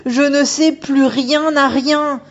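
A woman voicing a panicky, excitable young schoolgirl in an audiobook, shrill and exclaiming. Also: slow, highs cut off. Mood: flustered. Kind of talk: audiobook character voice.

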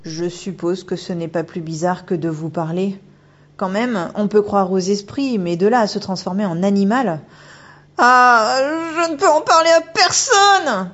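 A woman voicing a panicky, excitable young schoolgirl in an audiobook, shrill and exclaiming. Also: normal speed, husky, lo-fi sound. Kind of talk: audiobook character voice.

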